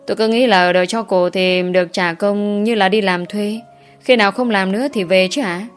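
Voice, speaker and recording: A woman's voice: medium pitch, fairly even intonation, a little fast, smooth, soft background music, lightly acted. A woman voicing a pleading poor father. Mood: distressed. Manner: pleading, hesitant. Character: poor, desperate older father, timid and pleading.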